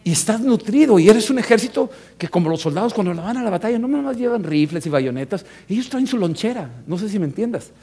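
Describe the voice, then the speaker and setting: A man with a Mexican accent preaching a sermon as pastor, emphatic, rising to loud peaks and dropping to low tones. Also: expressive, fast, few pauses, husky. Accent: Mexican Spanish.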